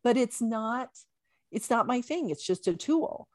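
A woman's voice: a little high, animated, unhurried, a little mellow, no echo. Emphatic woman guest, close dry sound. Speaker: podcast guest. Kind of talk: casual conversational interview.

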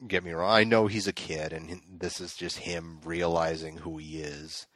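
Podcast co-host, male, low register, dry close mic; loose, profane storyteller who laughs a lot. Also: fairly even intonation, moderate pace, a bit bright, no echo. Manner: profane, rambling, laughs often. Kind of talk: casual storytelling chat.

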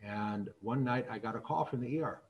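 Middle-aged male doctor at a lectern: earnest, measured storyteller, medium voice. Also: mid-range voice, muffled recording. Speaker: physician and speaker. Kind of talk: public talk with stories.

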